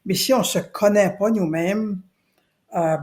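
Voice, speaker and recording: Taking things slowly in a mid-range, darkish voice, a woman from Acadia, New Brunswick, speaks earnestly during a podcast interview as a citizen committee's spokesperson. She repeats her important points to emphasize them.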